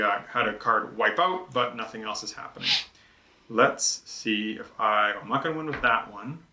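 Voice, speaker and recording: A man's voice: medium pitch, sharp tone, echoey room. A man explaining the rules of a card game as he plays, chatty and self-deprecating about his own moves. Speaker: board game publisher host teaching rules. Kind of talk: rules teach during live play. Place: indoors at a game table.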